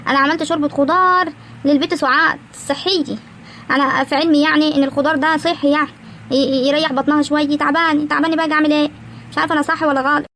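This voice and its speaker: A woman voicing an older, jealous village wife in an animated comedy, scolding in an Egyptian rural accent. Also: high voice, a little hiss or hum. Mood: fretful. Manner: scolding, quick, indignant.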